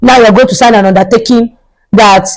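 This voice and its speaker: A firm, scolding school principal who lays down orders quickly, as a woman puts on his voice. He stays near an everyday speaking voice. He sounds clipped and stern. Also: on the high side, fairly even intonation, close to an everyday voice, poor audio.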